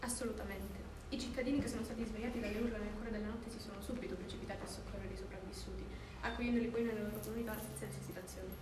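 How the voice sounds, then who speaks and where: A young woman, a student, reading a prepared answer in an earnest, measured way. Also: medium pitch, fairly even intonation. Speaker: student interviewee. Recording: roomy with background noise and distant mic.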